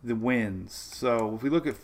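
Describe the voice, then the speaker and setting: Hosting a live weather stream, a male weather show host talks loosely about the tropics, reads the chat, greets viewers by name, and often laughs. His voice is medium in pitch and his pace a little slow.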